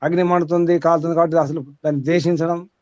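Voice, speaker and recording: A man's voice: on the high side, little pitch movement, rapid-fire, a little mellow, no room sound, lo-fi sound. A man teaching a small group as their spiritual guide, asking rhetorical questions and repeating his points.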